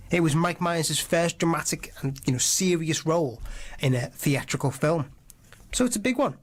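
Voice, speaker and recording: A man hosting an online radio show, chatting casually and enthusiastically about films with jokey asides. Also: on the high side. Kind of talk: casual movie trivia chat.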